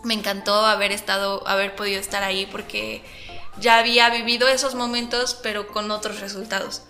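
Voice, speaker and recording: A woman with a Mexican accent answering interview questions, telling her experiences in an earnest, animated way. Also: medium pitch, a little fast, faint music behind. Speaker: interview guest, pageant winner.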